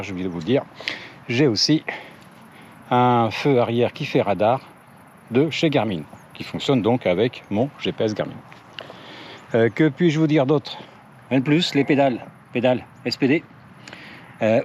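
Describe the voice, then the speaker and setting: On dull lo-fi audio with a faint ambient hum of noise, a man with a medium-pitched, slightly mellow voice shows off his bike gear for his cycling channel. He's casual and unsure, correcting himself and using lots of fillers.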